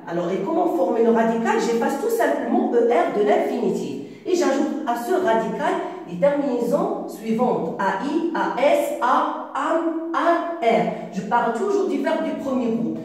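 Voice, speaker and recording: A woman's voice: high-pitched, big pitch swings, a little slow, hardly any pauses, darkish tone. A woman teaching a grammar lesson to a primary class, explaining step by step and asking questions as she goes. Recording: echoey room, voice from far off.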